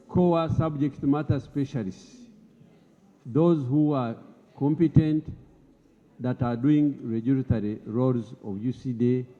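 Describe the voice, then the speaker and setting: Govt minister guy speaking in parliament, formal, stumbles on repeats, dull echoey broadcast sound. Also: on the high side. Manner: formal, repeats words while pressing his point. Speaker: government minister. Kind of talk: parliamentary address. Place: parliament chamber. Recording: lo-fi broadcast audio in a reverberant chamber.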